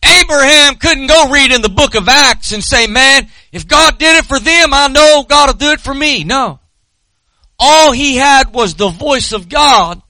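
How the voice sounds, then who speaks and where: A man's voice: very high-pitched, sharp tone, no echo, rough recording. A man in his forties with a Southern US accent preaching in a folksy, storytelling way, repeating phrases for emphasis. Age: 40s. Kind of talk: impassioned sermon with storytelling.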